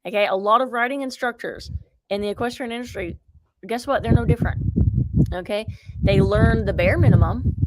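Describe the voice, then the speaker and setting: A woman's voice: on the high side, brisk. A woman in her thirties, a riding coach teaching on a live stream from an outdoor ranch. She talks energetically into a close phone camera and keeps checking in with viewers. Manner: energetic, repeats "okay?" and urges viewers to comment. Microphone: phone camera held close.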